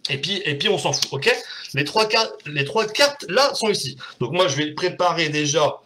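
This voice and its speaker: A man's voice: a little high, animated, moderate pace, noisy background. A man hosting a casual home live show, chatty and self-mocking, talking to viewers while doing a card trick and swearing freely.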